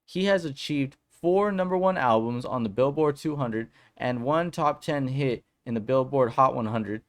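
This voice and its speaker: Speaking at normal speed in a medium-pitched voice, a political commentary vlogger keeps things casual, upbeat and slangy. He then reads out a news article.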